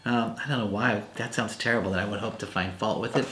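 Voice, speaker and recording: Low-voiced chatty man reviewing in a roomy space. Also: fairly even intonation, fast, fairly bright tone, a little hiss or hum. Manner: chatty, rambling with many fillers. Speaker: magic product reviewer. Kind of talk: casual video review. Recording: roomy echo.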